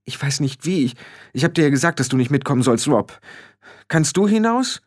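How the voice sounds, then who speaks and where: A man's voice: on the high side, animated, fairly quick, dry recording, studio quality, pitched above the performer's own voice. A man voicing a sensible, brave young girl witch, speaking earnestly with a raised voice. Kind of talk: audiobook character voice.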